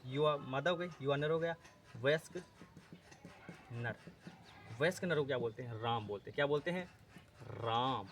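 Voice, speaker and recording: A man's voice: medium pitch, moderate pace, pauses often, a bit bright. A male teacher giving an exam-prep lecture, drilling students by asking a question and answering it himself, with English terms mixed in. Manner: mixes Hindi with English terms.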